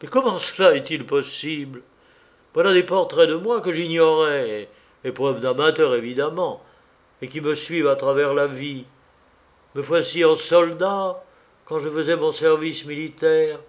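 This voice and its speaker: A man's voice: fairly high pitch, measured pace, lightly acted. A man voicing an agitated young army captain in an audiobook, pressing his questions with urgency. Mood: astonished. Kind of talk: audiobook character voice.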